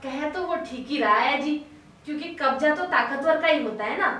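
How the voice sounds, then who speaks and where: A woman's voice: high voice, expressive, moderate pace, bright, forceful tone, very echoey, distant mic. A woman playing a meek, agreeable housewife and mother who mildly sides with her son. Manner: mild, siding with her son.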